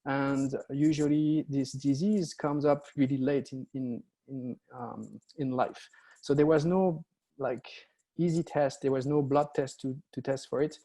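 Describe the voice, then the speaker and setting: A man with a French accent gives an online lecture at a middle pitch. He talks hesitantly and fills his sentences with "uh". He sounds middle-aged, speaking through a computer mic on a video call. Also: fairly even intonation, measured pace, warm tone. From France. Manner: hesitant, many "uh" fillers. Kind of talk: webinar lecture.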